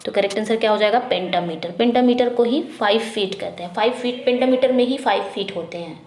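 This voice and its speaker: A woman teaching an English exam prep lesson, reading questions slowly and explaining quickly in Hindi, asking and answering herself. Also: on the high side, a little mellow, roomy sound, a little hiss or hum. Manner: repetitive drilling, asks then answers herself.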